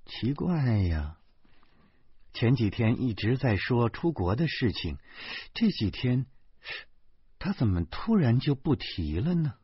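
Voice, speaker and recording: Man reading puzzled guy muttering to himself, husky, dry, dull lo-fi audio. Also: mid-range voice, big pitch swings, slow, long pauses, no echo, full character voice. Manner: quiet, talking to himself. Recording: dull lo-fi recording.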